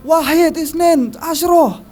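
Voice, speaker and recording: A man voicing a stubborn little kindergarten child who shouts and cries, inside a sermon story. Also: fairly quick. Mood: crying, shouting. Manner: shrill crying shouts.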